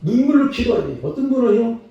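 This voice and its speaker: Gravelly man preaching in an echoey church. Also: very animated, fast talker, highs cut off. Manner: preaching with sudden swings between loud, high calls and low, hushed lines. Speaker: pastor. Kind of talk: Sunday sermon. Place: church sanctuary. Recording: very echoey church hall, mic far off.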